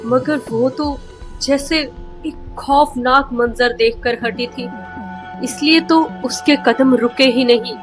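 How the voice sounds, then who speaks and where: A woman narrating a story summary in a dramatic, expressive storytelling manner. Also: high-pitched, slow pace. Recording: soft background music.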